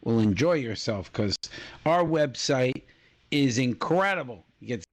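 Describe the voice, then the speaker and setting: A man co-hosting a comedic trivia podcast, telling odd facts with a jokey, drawn-out delivery. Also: mid-range voice, lively intonation. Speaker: podcast co-host.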